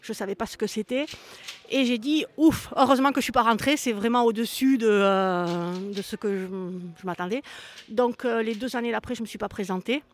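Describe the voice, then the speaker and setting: Woman poker pro from southern France; Spanish-tinged accent, halting and chatty. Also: fairly high pitch. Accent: southern French with a Spanish tinge. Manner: hesitant, many fillers, light laughs. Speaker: guest, professional poker player. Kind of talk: interview answers.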